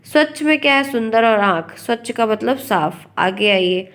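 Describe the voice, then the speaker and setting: A woman's voice: a little high, animated, moderate pace, a bit bright. Hindi woman teacher drilling pronunciation. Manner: explains and repeats words to stress correct pronunciation. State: unwell. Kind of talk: online exam-prep lesson.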